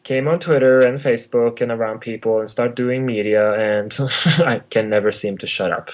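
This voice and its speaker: A man's voice: medium pitch, fairly even intonation, moderate pace. Rambling man, laughing. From Norway. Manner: rambling, laughing, many restarts. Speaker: podcast guest. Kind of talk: casual interview chat.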